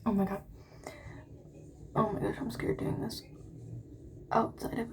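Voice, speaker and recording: A woman's voice: medium pitch, little pitch movement, measured pace, gravelly, darkish tone. A woman vlogger chatting casually through a storytime while doing her makeup. She exclaims often and keeps slipping into whispers.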